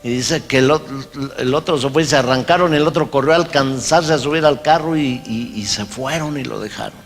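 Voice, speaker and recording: A male pastor preaching a sermon, slow and emphatic, rising into loud shouted cries. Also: medium pitch. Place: large church hall. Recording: long hall reverb, faint music.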